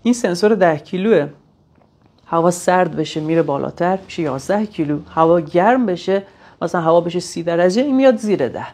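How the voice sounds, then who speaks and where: A woman's voice: lowish voice, expressive, darkish tone, husky. A woman walks through a practical repair tutorial one step at a time. She speaks plainly, stopping now and then to think aloud mid-sentence. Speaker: technician demonstrating sensor tests. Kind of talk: hands-on technical tutorial.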